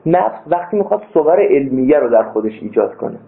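A man teaching a philosophy class as a seminary lecturer, stressing key points with sudden leaps in pitch. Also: very animated, vocal fry. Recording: tinny phone-like sound.

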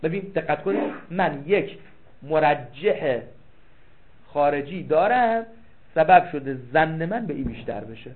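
Man, seminary teacher, high voice, emphatic lecture, rhetorical questions, tinny phone-like sound. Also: expressive. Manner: explains with rhetorical questions and reads out Arabic text; emphatic, repeats key phrases. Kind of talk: classroom lecture.

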